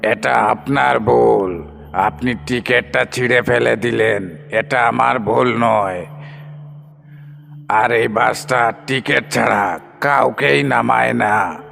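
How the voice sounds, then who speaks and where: A man's voice: mid-range voice, a bit bright, heavily acted. A man doing a cackling ghostly bus conductor. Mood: sly. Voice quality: gravelly, cackling laugh. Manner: slow, taunting, calls passenger babu. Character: sinister ghostly male bus conductor, mocking. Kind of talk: Bengali horror audio drama. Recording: long reverb with background music.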